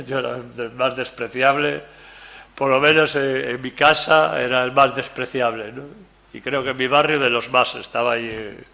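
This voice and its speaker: In a church meeting room, an older Galician man preaches a Bible study sermon in a conversational style, joking with listeners and repeatedly asking "¿verdad?" His voice is mid-range, creaky and sharp-toned.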